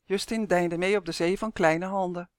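Woman narrator, children's storybook, expressive, dry close sound. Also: on the low side, moderate pace, dry recording. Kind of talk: storybook reading.

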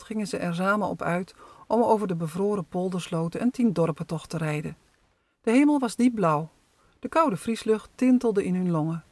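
Calm storyteller reading a children's story. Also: mid-range voice, no room sound. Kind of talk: scripted narration of a children's story.

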